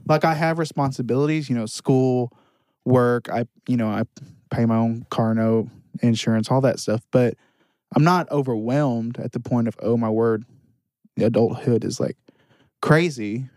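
A man's voice: medium pitch, normal speed, a little mellow, dry recording, clean studio sound. A man in his twenties chatting casually on a podcast, reflective and hesitant with many fillers. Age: 20s. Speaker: podcast co-host. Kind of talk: casual chat.

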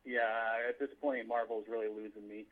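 A man's voice: on the low side, steady tone, fairly quick. A man co-hosting a casual movie chat over a phone line, rambling with lots of fillers and restarts. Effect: heard over a phone line. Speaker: podcast co-host.

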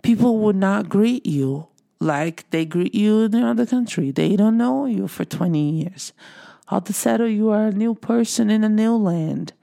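Her pitch is medium and her pace moderate, with vocal fry and a dark tone. The speaker, a middle-aged Brazilian woman with a Brazilian Portuguese accent, delivers an earnest, encouraging talk to viewers and repeats phrases to drive points home.

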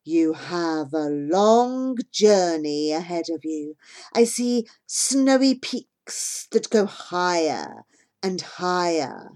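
A woman voicing an old female fortune-teller in a storybook, with a crackly, low, rumbling voice and slow, solemn delivery. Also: very animated, darkish tone, full character voice. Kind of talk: audiobook character voice.

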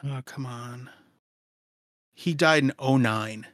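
A man's voice: medium pitch, takes it slowly, a bit bright, no echo, clean studio sound. A man co-hosting a casual podcast, teasing and swearing while talking in a car. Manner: teasing, profane banter. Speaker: podcast co-host. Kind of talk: casual chat.

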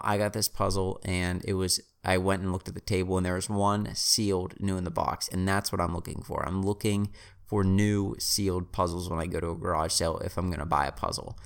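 Young man, low voice, resonant tone, casual rambling chat, self-mocking. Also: gravelly, a bit bright, clear, resonant tone. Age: 20s. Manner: rambling, restarts and self-corrections; wry, self-mocking humor. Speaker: reseller vlogger. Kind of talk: casual storytelling monologue.

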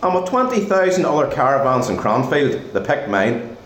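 Man playing an exasperated go-between, wildly animated. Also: medium pitch, moderate pace, natural voice. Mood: exasperated, indignant. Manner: indignant, sardonic. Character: exasperated, sarcastic male reluctant go-between. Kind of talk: stage farce acting. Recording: echoey stage, faint noise.

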